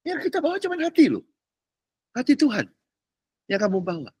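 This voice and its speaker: Lively chatty Indonesian pastor. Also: male voice, very high voice, normal speed, breathy edge, no echo. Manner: chatty, slangy, asks listeners if they follow. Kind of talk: casual teaching sermon.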